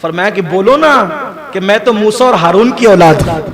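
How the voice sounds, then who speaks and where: A man preaching a sermon to a live audience, fervent and emphatic, often tossing rhetorical questions to the listeners. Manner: fervent, rises to high emphatic peaks, rhetorical asides to the audience. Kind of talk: impassioned sermon. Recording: crowd audible around live sermon.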